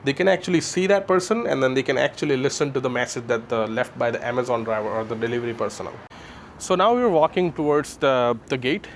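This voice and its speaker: Talking fast, a security installer at a building entrance walks through a product in a casual, explanatory manner, tossing in "right?" after many points. His pitch is average, and faint noise is clearly audible behind him on location.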